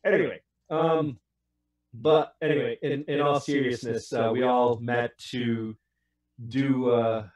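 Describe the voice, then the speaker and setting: A man hosting a casual gaming podcast, excitable and rambling, laughing between his words. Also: medium pitch, slow. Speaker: podcast host. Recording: roomy echo.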